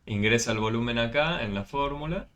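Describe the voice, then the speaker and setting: A man's voice: medium pitch, lively intonation, a little fast, fairly bright tone. A man tutoring math over a video call, explaining step by step with many fillers. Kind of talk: online tutoring session.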